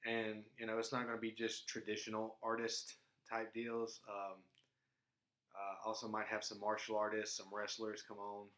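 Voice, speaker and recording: A low-voiced man with a Southern accent hosts a vlog from rural Mississippi in the southern United States. He talks to his viewers in an easygoing, folksy manner, often halting as he goes.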